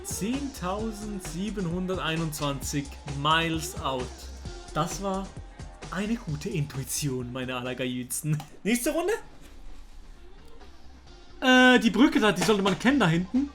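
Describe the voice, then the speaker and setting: A young man, talking casually to his chat while playing a guessing game, excitable and slangy. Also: sits high, slow. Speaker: streamer. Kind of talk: casual gameplay commentary. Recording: faint music underneath.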